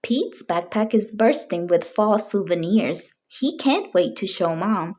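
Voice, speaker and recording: Woman, children's read-aloud storytelling, unhurried, animated pitch, deliberate expressive phrasing.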